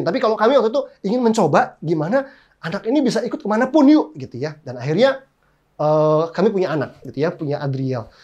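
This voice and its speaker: A man in his thirties, a pastor, preaching a sermon through lively, humorous personal stories full of exclamations. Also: high-pitched, muffled recording.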